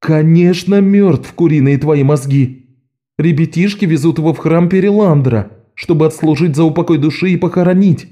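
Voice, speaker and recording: A man voicing a loud, bossy old woman shopkeeper who scolds and comforts in a storybook. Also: normal speed, close to an everyday voice. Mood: scolding. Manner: bossy and booming.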